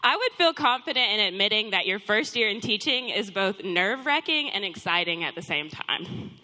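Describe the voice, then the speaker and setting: A woman's voice: medium pitch, animated, moderate pace, pushed and bright. A young woman in her twenties, a fourth grade teacher, giving an earnest speech to an audience, a little out of breath. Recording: long hall reverb.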